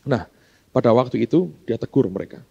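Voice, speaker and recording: A male pastor with a medium-pitched, gravelly, husky voice of darkish tone tells a story in a sermon, speaking briskly and expressively. He chats conversationally with the congregation, repeatedly calling them "saudara," and performs both sides of a dialogue in a question-and-answer rhythm. The sermon recording is dull and lo-fi.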